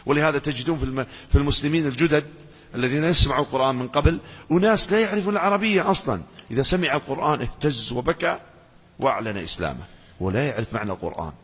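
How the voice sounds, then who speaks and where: A man teaching a religious lesson. He chants verses slowly, then explains them and asks the audience questions that he answers himself. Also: medium pitch, animated, a bit bright, slightly rough. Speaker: Islamic scholar lecturing. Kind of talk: religious lecture with Quran recitation. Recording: lecture hall with long reverb.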